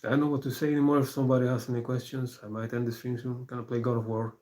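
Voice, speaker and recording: A man, talking alone to a live-stream audience in a soft-spoken, rambling way with many pauses and fillers. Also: mid-range voice, level tone. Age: 40s. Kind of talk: casual live-stream monologue.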